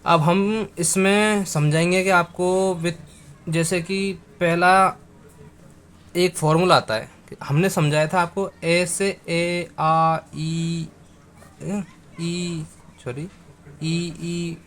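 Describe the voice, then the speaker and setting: A male teacher gives an unhurried grammar lesson, repeating himself and spelling words out letter by letter. His voice sits a little high for a man. A faint hum of room noise stays behind him. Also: steady tone, fairly bright tone. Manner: addresses viewers as friends.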